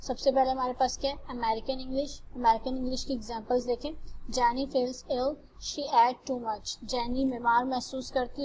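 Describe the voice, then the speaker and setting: A woman teaching English grammar, reading example sentences slowly and carefully before translating them. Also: high voice, darkish tone, a little hiss or hum, poor audio. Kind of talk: classroom lecture.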